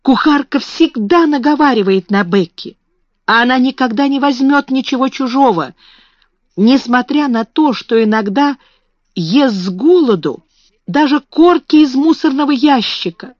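Woman doing a proud hungry little schoolgirl, slightly higher voice, slow and careful, dry muffled sound. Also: animated, darkish tone, no echo. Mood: indignant. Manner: restrained, then bitter. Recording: dull, slightly muffled recording.

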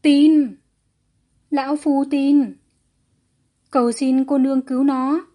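A man's voice: very high-pitched, fairly even intonation, takes it slowly, mellow, pitched above the performer's own voice. A woman voicing an elderly grand elder, a desperate father who pleads in a shaky voice. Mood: pleading. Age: older.

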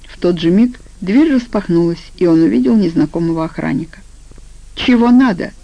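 A woman narrating an audiobook in a steady, even storytelling voice. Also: on the low side, brisk, creaky, no echo, lo-fi sound. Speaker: audiobook reader.

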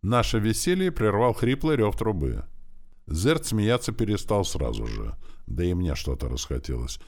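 Deep-voiced man narrating a fantasy audiobook. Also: moderate pace. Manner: expressive, animated reading.

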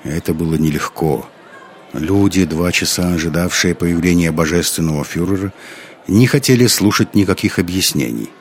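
A man reading an audiobook in scripted narration, measured and even. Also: low voice, a little hiss or hum.

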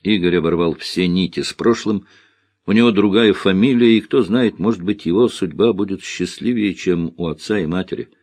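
A man narrating an audiobook with expressive storytelling. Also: low voice, moderate pace, husky, no echo. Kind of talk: scripted narration.

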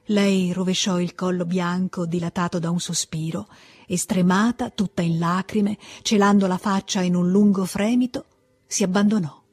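A woman reading a classic novel aloud as an audiobook, in a calm, measured voice. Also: fairly low pitch, breathy edge, no room sound. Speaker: audiobook reader. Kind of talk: literary audiobook narration.

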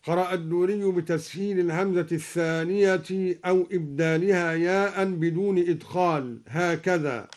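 A man explaining Quran readings on the radio in a measured way, chanting each example between his explanations. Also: high-pitched, fairly even intonation, darkish tone. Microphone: broadcast studio microphone.

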